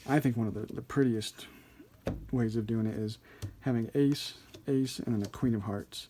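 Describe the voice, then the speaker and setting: A man's voice: mid-range voice, normal speed, warm tone. A man giving a casual hands-on tutorial as an instructor, informal and a little hesitant, thinking aloud as he explains. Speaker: card trick instructor.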